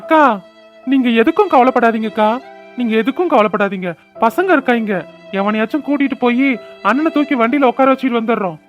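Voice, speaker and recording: A woman's voice: fairly high pitch, brisk, muffled recording, soft background music, close to an everyday voice. A woman voicing an eager young village man. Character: young village man, helpful errand-runner. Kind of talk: cartoon voice acting.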